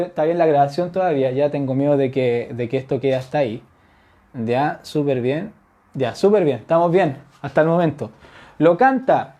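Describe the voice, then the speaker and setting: In a whiteboard grammar lesson, a patient Turkish language teacher speaks in a warm mid-range voice, going over example phrases again and using tag questions to check that the class understands.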